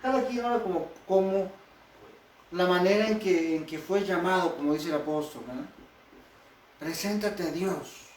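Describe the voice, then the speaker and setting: A pastor preaching a sermon in a conversational way, often asking the congregation questions. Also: male voice, high-pitched, moderate pace, darkish tone, slight background noise. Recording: echoey hall from far off.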